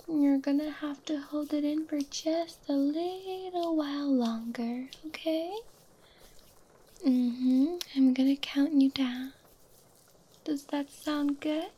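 A woman whispers close and soft in an intimate ASMR roleplay. Her voice sits high but mellow and warm, and she draws every phrase out very slowly, breathy and unhurried. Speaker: audio roleplay performer.

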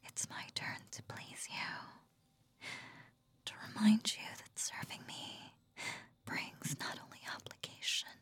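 A woman voicing an ancient, possessive nine-tailed fox goddess in a whispered ASMR roleplay, speaking in a slow, teasing, breathy murmur. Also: a bit bright. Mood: seductive, teasing.

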